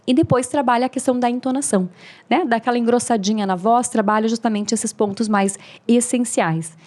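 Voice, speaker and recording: A woman's voice: on the high side, brisk, a little mellow. Woman explaining speaking tips. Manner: didactic, demonstrative, friendly. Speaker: oratory mentor guest. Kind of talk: podcast interview, explaining tips.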